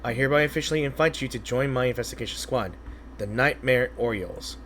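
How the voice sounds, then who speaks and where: A man voicing an earnest, steadfast squad captain from a game, formal and measured. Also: medium pitch, a bit bright, slight background noise, close to an everyday voice. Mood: resolute.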